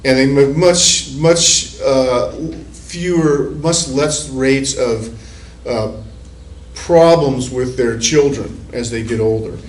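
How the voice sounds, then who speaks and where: A man's voice: mid-range voice, slow pace. A male psychology professor giving a conversational classroom lecture, rambling with restarts and repeated words. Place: university classroom. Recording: echoey classroom, recorded from a distance, faint room hiss.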